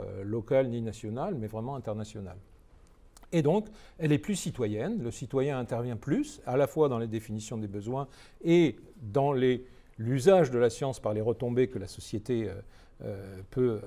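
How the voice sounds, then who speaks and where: A man's voice: mid-range voice, mellow. A middle-aged man from France giving a training lecture, hesitant with many fillers and restarts.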